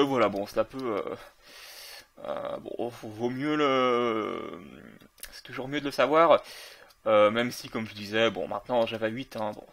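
A man's voice: medium pitch, fairly bright tone. A man casually commenting on a video game while playing, with many fillers and self-corrections. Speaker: gaming video creator.

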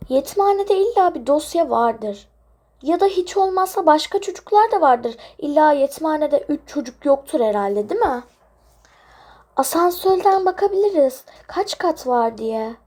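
A woman plays out a toy-game story, voicing the children as they chat with each other. Her voice is very high and she speaks at a slow, easy pace. The tone stays playful and conversational. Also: a little mellow. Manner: chatty, playful dialogue between characters. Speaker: role-play narrator and voice of several children. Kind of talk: toy-game role-play.

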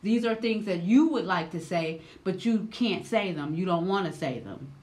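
A woman in her thirties records casual, slangy reaction commentary while seated indoors on camera. She is loud and expressive, speaks at a moderate pace, and her voice swings high when she gets riled.

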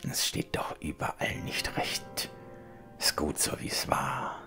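A man's voice: slow pace, music in the background, natural voice. A man voicing a sinister old man who hisses and lisps in a whisper, in an audiobook reading. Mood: menacing. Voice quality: whispered, hissing.

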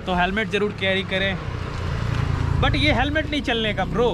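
A talkative man in his thirties runs a casual moto vlog on mountain roads, calling out to viewers as he rides. His voice sits high for a man and comes through a helmet camera mic. Wind and engine noise run loudly behind him. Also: animated, moderate pace. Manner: chatty, addresses viewers as guys. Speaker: motovlogger host. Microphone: helmet or action camera mic.

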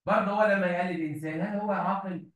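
A fairly high-pitched man speaking Egyptian Arabic, running a revision lesson in a classroom. He coaxes his students patiently and says the key points again and again. The sound is roomy and echoey, picked up from some distance away. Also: fairly even intonation, fast. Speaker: English teacher. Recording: echoey room, mic at a distance.

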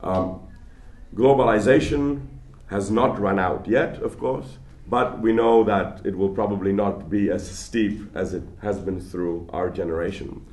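A man giving a public lecture in an animated, conversational way, often restarting his sentences, in a large lecture hall. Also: on the low side, a little slow. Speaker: guest lecturer.

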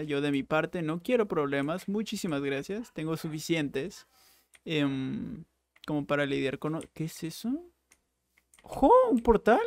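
A young man giving casual, jokey Minecraft let's play commentary, with bursts of excited exclaiming. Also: on the high side, gravelly, no room sound. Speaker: gaming YouTuber.

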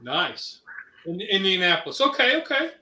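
Co-hosting a casual livestream, a man from Ohio reads out viewer chat and chats along, hesitant and full of fillers. His high-sitting voice swings widely in pitch and is bright and forceful, at a normal speed. The roomy recording, with a distant mic, has a little hiss or hum.

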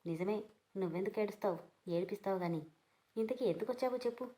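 A calm young husband from a read-aloud story, teasing and cool, as a woman narrator puts him on. He talks evenly and mocks his wife without raising his voice. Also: mid-range voice, fast talker, natural voice. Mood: mocking. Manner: cool, mocking.

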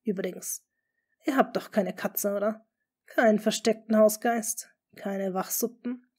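A woman reading a sly, smooth-talking duke. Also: medium pitch, fairly even intonation, darkish tone. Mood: scheming. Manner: smooth, measured. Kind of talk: audiobook character reading.

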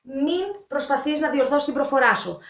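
A woman's voice: high voice, a bit bright, roomy sound. A woman from Greece, an English teacher hosting a casual video lesson, talking straight to her viewers in a chatty, direct way. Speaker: English teacher and channel host.

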